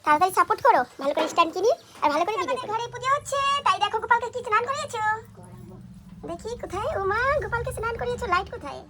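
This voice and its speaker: A woman's voice: very high-pitched, lively intonation, rapid-fire, background noise. A woman chatting casually in a home vlog and showing things to her viewers. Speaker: vlogger.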